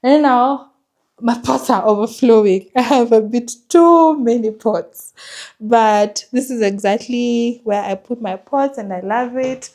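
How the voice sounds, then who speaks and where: A woman with a fairly high voice presents a home tour vlog. She talks in a casual, chatty way and sounds enthusiastic about what she is showing. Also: unhurried, darkish tone. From Kenya. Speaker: vlogger giving a house tour.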